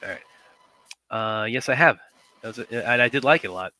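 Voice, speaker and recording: A young adult man co-hosts a casual live stream, rambling with lots of fillers and restarts while sniffling from a runny nose. His mid-range voice is bright and forceful, brisk, with lively intonation. He uses a computer headset mic that has sound trouble, so the recording is rough.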